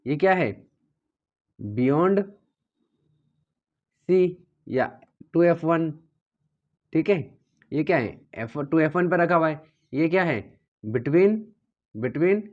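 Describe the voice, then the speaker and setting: Man teaching with a lo-fi sound. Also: fairly high pitch. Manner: steady and repetitive, checking understanding often. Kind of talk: whiteboard physics lesson.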